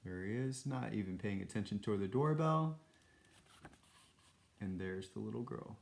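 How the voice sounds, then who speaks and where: Low-voiced man reading a storybook aloud. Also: moderate pace, creaky, reverberant, a little hiss or hum. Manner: casual, self-deprecating asides. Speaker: storybook reader. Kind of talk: reading a children's book aloud with casual asides.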